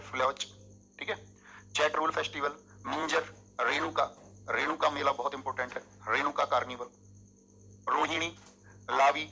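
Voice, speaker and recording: Bright, husky male coaching teacher. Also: a little high, poor audio. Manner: animated, coaxing students with memory tricks. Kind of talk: exam coaching lecture.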